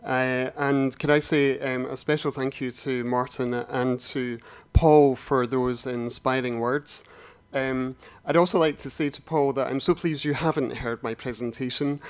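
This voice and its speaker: A man giving a formal, self-deprecating conference presentation in a hall. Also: medium pitch. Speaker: conference speaker, strategy director.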